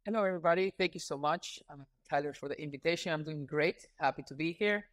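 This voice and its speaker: A man in his thirties from Ecuador, a startup founder talking as a podcast guest in a relaxed, earnest way with frequent fillers. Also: a little high, quick pace. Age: 30s. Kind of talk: casual interview talk.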